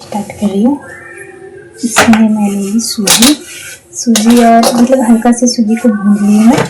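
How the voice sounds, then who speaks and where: A woman's voice: a little high, steady tone, moderate pace, over loud music. A woman working as a nanny and house helper, chatting casually as she narrates her day step by step on her phone. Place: apartment, balcony and park. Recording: loud background noise.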